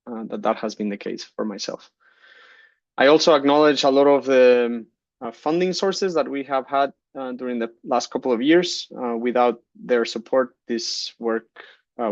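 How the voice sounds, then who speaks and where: A man in his thirties from Guatemala, giving a conference keynote talk, relaxed, with many fillers and restarts. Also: mid-range voice, no echo, dull audio. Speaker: keynote speaker, geologist. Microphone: computer mic on a video call.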